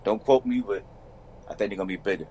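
A man's voice: fairly low pitch, fast talker, warm tone, husky. A man, a podcast guest talking in a laid-back, colloquial way. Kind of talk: casual chat.

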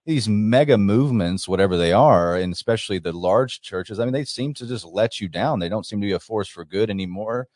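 A deep-voiced man hosting a call-in talk radio show. He talks in a loose, conversational way, full of fillers and restarts. The sound is dry and close. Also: fairly quick, hardly any pauses, darkish tone, dry recording.

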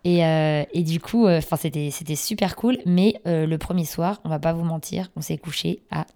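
A young woman with a hoarse, slightly gravelly broken voice, chatting casually as an informal, slangy podcast co-host. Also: low voice, normal speed, warm tone. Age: young adult. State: hoarse from a short night. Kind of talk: casual chat.

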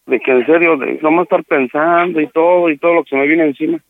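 Man, Mexican accent, slightly high voice, weary and blunt, radio prank call, muffled audio. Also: fairly even intonation, quick pace, no room sound. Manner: weary, blunt, pressing a breakup.

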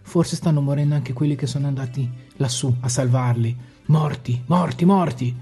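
A man voicing an exhausted young man stranded in a storm, crying and shouting in repeated raw outbursts. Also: mid-range voice, steady tone, brisk, slightly rough, soft background music, close to an everyday voice. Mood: despairing.

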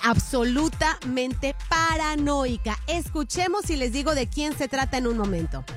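A woman's voice: high-pitched, expressive, measured pace. A woman presenting celebrity gossip on radio, chatty and conversational, stretching words for emphasis. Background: faint music.

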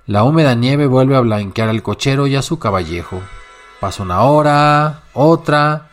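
A man narrating a literary short story in a measured, unhurried reading. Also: medium pitch, soft background music.

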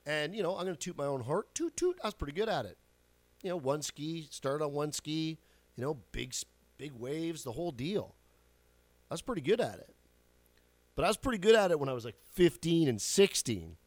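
A man's voice: a little high, lively intonation, fairly quick, no room sound. A man in his forties hosting a show, telling stories in a chatty, casual way, swearing now and then and laughing at his own jokes. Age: 40s. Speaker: radio show host. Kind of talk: casual storytelling monologue.

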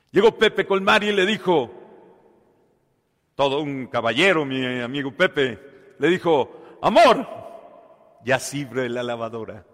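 Slow-preaching man with hall echo. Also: mid-range voice. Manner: dramatic, swings from soft to loud, asks the audience questions. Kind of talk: sermon with storytelling. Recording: long hall reverb.

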